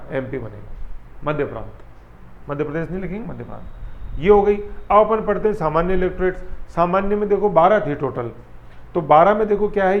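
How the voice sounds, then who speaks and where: A man's voice: a little high, dull audio. A male teacher giving a classroom lecture. He explains step by step and keeps checking that students follow with rhetorical questions.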